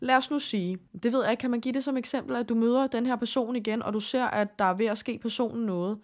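A woman's voice: on the high side, fairly even intonation, darkish tone. A young woman, co-hosting a casual podcast and responding in a sympathetic, reflective way. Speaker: podcast co-host.

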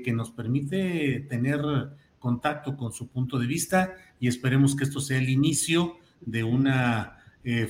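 Mexican male host in a roomy space. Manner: effusive, wordy, formal courtesy. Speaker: program host. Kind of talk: conversational interview hosting. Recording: roomy echo, faint rumbling noise.

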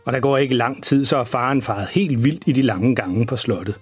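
A man narrating a children's bedtime story in a measured storytelling manner. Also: mid-range voice, husky, faint music behind.

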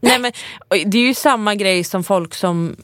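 A woman's voice: mid-range voice, a bit bright, no echo, clean studio sound. A woman co-hosting a casual podcast, chatting and telling her own stories. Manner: chatty, agreeing, laughs while telling. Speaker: podcast co-host. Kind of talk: casual chat.

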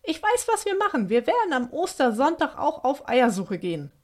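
An aging storybook witch, lonely and stubborn, who scolds in a huffy way, put on by a woman reading aloud. She talks with a slightly raised pitch and swings quickly between grumbling and begging. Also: animated. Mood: excited.

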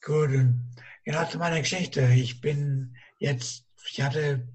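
A man guest in a casual interview, speaking with a rough, strained voice and a halting way of repeating himself. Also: fairly high pitch, fairly even intonation, darkish tone.

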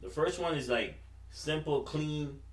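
A man's voice: fairly high pitch, unhurried, distant mic. A man hosting casual sports banter in a slangy, profane, frat-bro teasing manner. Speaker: podcast host. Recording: roomy, off-mic, faint noise.

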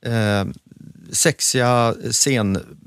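A middle-aged man talks casually as a co-host. His voice sits at a medium pitch in a dry, close recording. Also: fairly bright tone, clean tone, no room sound. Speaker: podcast co-host. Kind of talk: casual chat.

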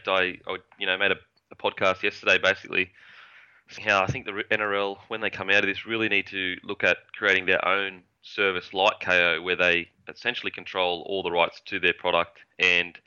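A man's voice: sits low, flat delivery, brisk, bright, forceful tone, clear, resonant tone. An Australian man speaking as a podcast guest in casual interview chat, on slightly dull audio.

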